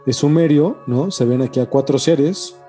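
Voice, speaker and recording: A Mexican-accented man co-hosts a laid-back podcast about ancient mysteries, talking in a warm, medium-pitched voice at an ordinary pace. His speech is slangy and emphatic, and he tends to repeat himself. Music plays underneath.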